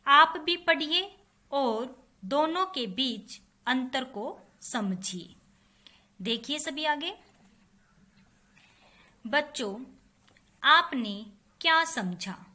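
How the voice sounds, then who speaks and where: Slow, bright-voiced woman teaching children. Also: high voice, lively intonation. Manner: slow, patient explaining to children, repeating examples. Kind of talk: recorded online class lesson.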